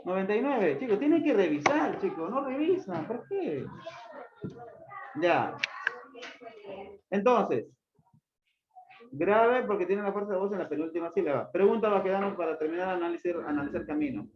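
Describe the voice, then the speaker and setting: A teacher gives a grammar lesson in class, quizzing students by name with repeated questions and scolding them for not reviewing the book. The medium-pitched voice is expressive at normal speed with long pauses, recorded in an echoey room with dull lo-fi sound, loud background noise, and crowd noise.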